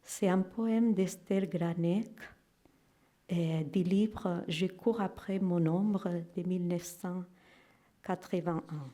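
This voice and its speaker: A middle-aged woman with a Spanish accent, a native Spanish speaker, giving a personal testimony to an audience, slow and hesitant, searching for her words. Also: on the low side, steady tone, warm tone. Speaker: guest speaker.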